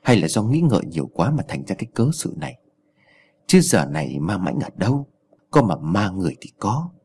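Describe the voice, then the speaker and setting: A man's voice: lowish voice, big pitch swings, a little fast, gravelly, a little mellow, a little hiss or hum. A man playing a weary, defiant village husband. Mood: strained. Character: worn-down, hard-pressed young village husband.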